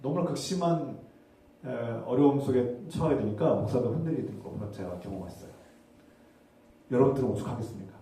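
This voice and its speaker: A man preaches in a mellow voice, pressing his listeners with rhetorical questions. The sound booms around a big, reverberant church hall and the mic sits well away from him. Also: brisk. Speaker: pastor. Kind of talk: sermon. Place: church sanctuary. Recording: very echoey hall, heard from a distance.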